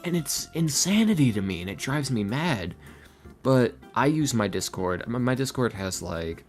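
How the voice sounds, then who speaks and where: With music running beneath him, this ASMR roleplay creator and voice actor talks as a podcast guest in a medium-pitched, sing-song voice at a moderate pace. The interview is casual, and he rambles in an earnest, self-deprecating way.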